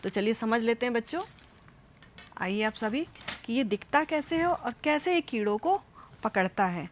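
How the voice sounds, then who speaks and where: Woman science teacher, higher voice, patient step-by-step classroom explaining. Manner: addresses children directly, repeats and demonstrates step by step. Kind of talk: classroom science lesson with demonstrations.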